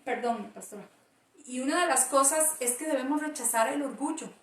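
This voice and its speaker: High-voiced reflective woman, distant and roomy. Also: normal speed, fairly bright tone. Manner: reflective, hesitant fillers. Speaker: co-host. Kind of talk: sermon-like church talk. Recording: roomy audio from a distant mic.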